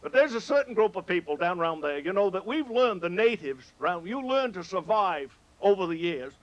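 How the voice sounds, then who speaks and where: A man's voice: high voice, big pitch swings, moderate pace, muffled recording. A man from Maine with a Maine accent, telling comic stories live in a folksy rustic dialect and teasing his audience. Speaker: humorist telling stories on stage. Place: on stage before an audience.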